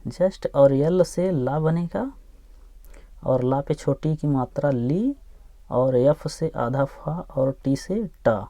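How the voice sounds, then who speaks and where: A man teaching English phonics, sounding out each letter slowly and repeating every word. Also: medium pitch, mellow, dry recording. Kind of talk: slow phonics lesson, spelling words aloud.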